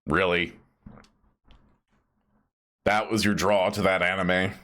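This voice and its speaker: A man's voice: low voice, expressive, unhurried, background noise. A man chatting casually and in a rambling way as a live streamer. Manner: rambling, self-described grumpy old man.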